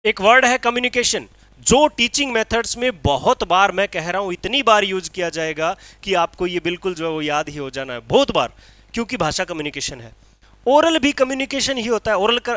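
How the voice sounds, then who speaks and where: A male teacher, giving an exam-prep lecture, asking rhetorical questions and reading English lines out slowly. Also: high voice, pushed and bright, no echo.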